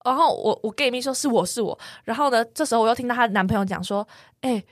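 A woman in her twenties, co-hosting a podcast, tells a personal story in a casual, animated way and acts out the knocks and quoted lines. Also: a little high, quick pace, no echo, clean studio sound. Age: 20s. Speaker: podcast co-host.

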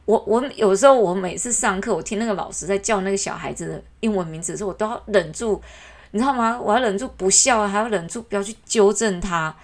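A woman with a Taiwanese Mandarin accent, hosting a podcast in a chatty, animated way, with lots of "hou" particles. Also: medium pitch, quick pace. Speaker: podcast host; works with kindergarten classes. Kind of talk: casual podcast monologue.

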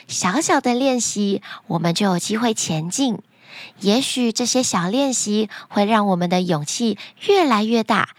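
A woman hosting a children's storytelling podcast, speaking gently and encouragingly straight to young listeners. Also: fairly high pitch, no echo.

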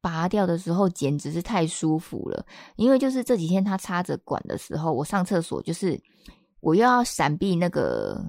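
A woman, hosting a podcast and telling a personal story in a chatty, expressive way. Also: fairly low pitch, normal speed, gravelly, no room sound, clean studio sound. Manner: chatty and expressive, acts out the people she quotes. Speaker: podcast host.

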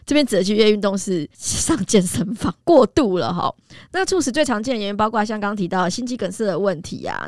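Chatty woman with lively pitch. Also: no echo, clean studio sound. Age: 40s. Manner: conversational, many drawn-out sentence particles. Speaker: nutritionist host. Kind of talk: chatty health talk with personal stories.

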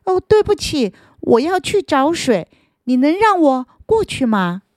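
A woman's voice: high voice, sing-song, a little slow, dry recording, clean studio sound, pitched above the performer's own voice. A woman doing a small timid tree root. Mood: earnest. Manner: polite, eager, timid questions.

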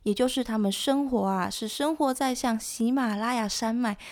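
A woman giving scripted nature documentary narration as a presenter, explaining things in a conversational way with soft sentence particles. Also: on the high side, moderate pace. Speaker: presenter of an animal education show.

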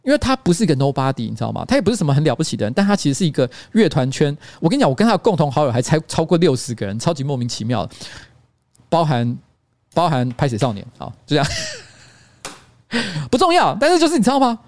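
A man in his thirties with a Taiwanese Mandarin accent hosts a radio-style livestream and tells stories in a self-mocking way. He talks in a rapid, tumbling rush, often restarting his sentences. His voice sits fairly high, and the recording is close and dry, with no room sound. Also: no room sound. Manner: animated storyteller, self-mocking, with frequent restarts. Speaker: host.

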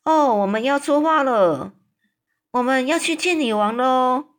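A woman voicing a huge, gentle, friendly male giant in a storybook read-aloud, talking in a raised, fussy, complaining tone. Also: high-pitched, lively intonation, measured pace, voice pushed up.

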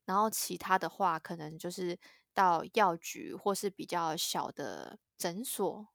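A woman's voice: on the low side, a little slow, vocal fry, no echo, studio quality. A young woman co-hosting a podcast in casual chat, reacting with frequent laughter. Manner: laughs often, chatty reactions. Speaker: podcast co-host.

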